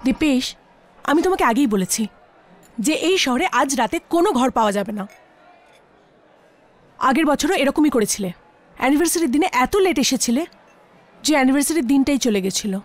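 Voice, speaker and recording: An actress playing an affectionate young wife in a dubbed TV horror drama, soothing and reassuring. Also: female voice, high voice, lively intonation, a little fast, long pauses. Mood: reasoning.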